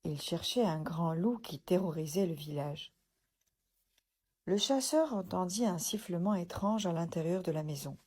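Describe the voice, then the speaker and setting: A woman reading a children's storybook aloud, gentle and expressive. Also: fairly low pitch, moderate pace, husky.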